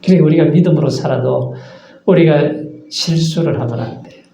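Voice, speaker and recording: A pastor with a fairly high, creaky, mellow voice preaches an earnest sermon at a normal pace, asking rhetorical questions and acting out short asides. He is in a church sanctuary, and the recording is echoey with slight background noise.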